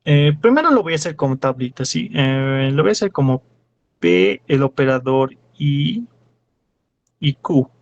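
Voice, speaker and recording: A man's voice: mid-range voice, sing-song, unhurried, dull audio. A young man with a Bolivian Spanish accent, a teaching assistant working through problems step by step in class and quizzing his students. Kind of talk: classroom lecture.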